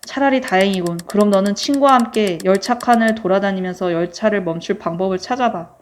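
A brusque young male subway worker, voiced by a woman reading a story game aloud. He talks casually and to the point, giving orders without softening them. The voice sits at an ordinary middle pitch. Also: a little fast, a little hiss or hum, lightly acted. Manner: casual, brusque, matter-of-fact.

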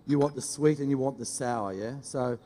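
A middle-aged man, a chef giving a brisk, joking live cooking demonstration on a studio stage. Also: medium pitch, mellow, big-room sound. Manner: brisk, joking, teases the audience. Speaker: chef doing a cooking demo. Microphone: headset mic.

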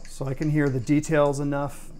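A man walks through a computer task in a relaxed, conversational tutorial. His voice is mellow and fairly even in pitch. He explains each step plainly as he goes. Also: moderate pace, a little hiss or hum. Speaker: video tutorial maker. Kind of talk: casual screen-recorded tutorial.

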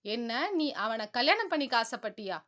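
A woman's voice: a little high, very animated, moderate pace, a bit bright. A woman voicing a stern, domineering, heavyset middle-aged mother who scolds her grown children in a storybook reading. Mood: stern, irritated. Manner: scolding, irritated.

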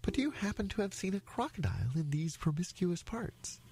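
Man voicing a high-pitched, polite little elephant child. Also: big pitch swings, a little fast, a little mellow, slight background noise. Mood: polite, wary. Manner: courteous, wordy, pleading. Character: young elephant child, very polite, innocent, earnest. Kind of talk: storybook character voice.

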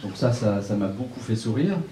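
A middle-aged man chatting casually to a gallery crowd, his low voice picked up from a distance. It echoes around the room with a faint background murmur, and he often repeats words as he goes. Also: animated, normal speed, mellow, slight background noise. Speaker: photographer presenting his exhibition. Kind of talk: casual speech to an audience. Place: small gallery, indoors. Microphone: handheld mic.

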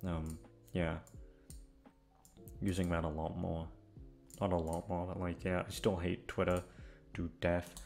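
A man with a low, flat, slightly mellow voice speaks a little slowly with frequent pauses over faint background music. An audio content creator, he rambles casually and hesitantly to listeners, self-deprecating and sweary.

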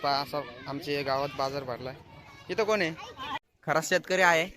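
With a fairly high pitch and normal pace, a man records a walk-around vlog at a school children's market in an outdoor village. Crowds of children make plenty of noise as he asks quick, friendly questions and says the answers back.

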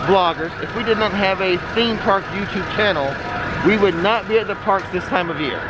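A man's voice: sits high, moderate pace, heavy background noise. A man vlogging casually outdoors at a theme park, talking through a face mask in a chatty, informative way. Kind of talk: casual walk-and-talk vlog. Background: music playing.

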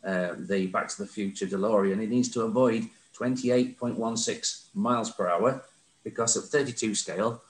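A man's voice: fairly low pitch, moderate pace, roomy sound, poor audio. A man chatting casually on a video call, with dry humor. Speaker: panel member. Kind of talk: casual chat.

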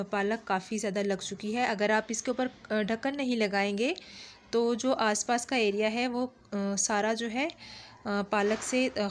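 Step by step, a channel host narrates a home recipe in her kitchen, her voice on the high side. She's friendly and instructive, with small fillers, and the recording has a little hiss or hum.

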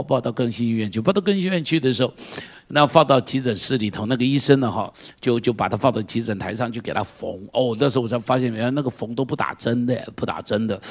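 A middle-aged man preaching a sermon as pastor, moving from quiet storytelling to shouted exhortation and firing questions at the congregation. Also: mid-range voice. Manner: asks the congregation repeated direct questions.

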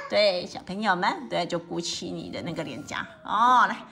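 A woman's voice: fairly low pitch, expressive, moderate pace, vocal fry, a bit bright, a little hiss or hum. A woman reading a picture book aloud to children, playfully explaining each page as she goes. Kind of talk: bilingual storybook read-aloud.

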